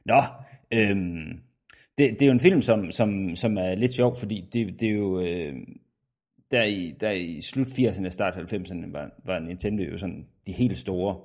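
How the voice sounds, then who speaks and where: Low gravelly danish guy going over a movie plot, lots of ums and restarts. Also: darkish tone. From Denmark. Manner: hesitant, many fillers and restarts. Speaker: podcast co-host. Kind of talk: casual film recap.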